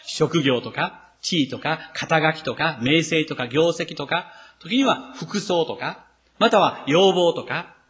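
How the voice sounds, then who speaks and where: Husky-voiced man preaching a sermon. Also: on the high side, fairly bright tone. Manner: emphatic preaching with dramatic acted quotes. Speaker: pastor.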